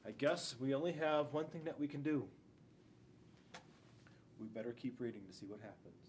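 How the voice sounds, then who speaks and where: A man's voice: animated, moderate pace. An American man in his forties reads a children's picture book aloud dramatically, putting questions to the listening children. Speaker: school resource police officer. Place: school classroom, indoors. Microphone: camera a few feet away. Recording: noticeable room noise with low rumble.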